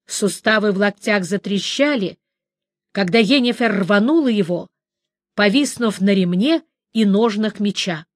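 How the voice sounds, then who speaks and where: Measured woman reading a fantasy audiobook. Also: medium pitch, animated, no echo. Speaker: audiobook reader.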